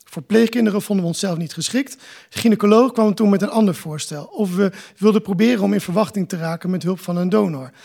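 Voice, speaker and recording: Middle-aged father voiced by a man, earnest, gentle, high gravelly voice. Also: quick pace.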